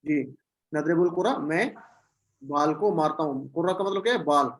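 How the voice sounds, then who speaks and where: A man's voice: on the high side, moderate pace, low-quality recording. Patient male teacher drilling word patterns. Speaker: Quran Arabic teacher. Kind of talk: online class teaching. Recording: video call audio.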